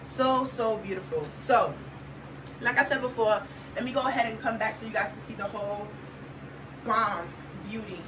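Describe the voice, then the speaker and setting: A woman's voice: fairly high pitch, moderate pace. A young woman vlogging a clothing try-on haul, sassy and playful, hyping each outfit. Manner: sassy, playful, sings snippets and hypes outfits. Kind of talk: casual try-on haul chat. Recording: distant mic with audible background noise.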